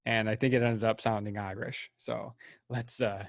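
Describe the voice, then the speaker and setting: A man's voice: fairly low pitch, flat delivery, normal speed, vocal fry, no room sound, studio quality. A man co-hosting a comedy podcast, talking in a playful, rambling way. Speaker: podcast co-host. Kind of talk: casual comedy chat.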